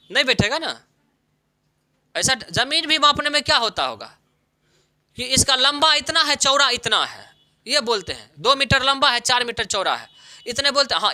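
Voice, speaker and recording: A male teacher runs an exam-prep science lesson. His voice sits very high and sounds bright and sharp. He keeps asking the class questions and then answers them himself with everyday examples.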